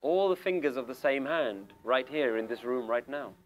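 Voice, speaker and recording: A man's voice: mid-range voice, animated, moderate pace, faint music behind. Emphatic man giving a spiritual talk. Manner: questioning, emphatic, rhetorical. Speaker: spiritual teacher. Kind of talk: spiritual talk to a seated group. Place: room with a small audience.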